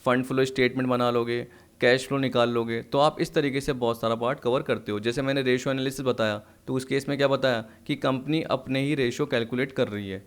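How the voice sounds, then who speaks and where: A man's voice: medium pitch, smooth. Man, accounts teacher, works through exam questions, quizzes himself aloud, sometimes short of breath. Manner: asks and answers his own questions, mixing English terms. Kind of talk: solving exam questions on a lesson video.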